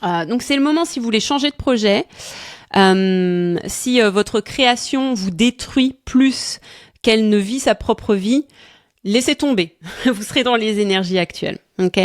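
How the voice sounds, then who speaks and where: A woman talks through astrology in a relaxed, chatty way, often pausing and restarting as she searches for words. She sounds tired, laughs easily, and the sound is dry and close. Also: medium pitch, no room sound. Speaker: astrology coach co-host. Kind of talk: casual astrology talk.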